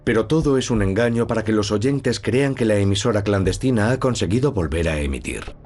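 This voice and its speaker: A man narrating a documentary in a measured, serious storytelling manner. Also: fairly low pitch, expressive, darkish tone. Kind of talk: scripted narration. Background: background music.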